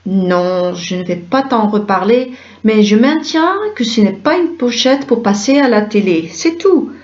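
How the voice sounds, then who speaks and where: A woman's voice: medium pitch, animated, a little slow, a little mellow, reverberant, lightly acted. A woman reading the part of a fussy, critical mother of grown sons who talks in a disapproving, insistent way. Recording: dull lo-fi recording.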